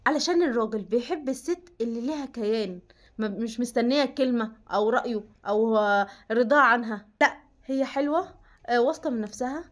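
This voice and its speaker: Young Egyptian woman, vlog advice-giver, brisk and emphatic, direct to camera. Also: high voice. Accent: Egyptian Arabic. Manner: emphatic, coaching, addresses listener as "you". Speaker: self-help vlogger.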